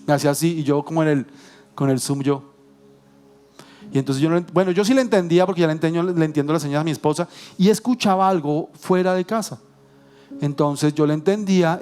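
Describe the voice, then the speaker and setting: Man, middle-aged, high-pitched guest preacher; animated, comic storyteller; faint music behind. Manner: animated, humorous storytelling with self-corrections and jokes. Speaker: guest pastor. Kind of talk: sermon with personal storytelling. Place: church.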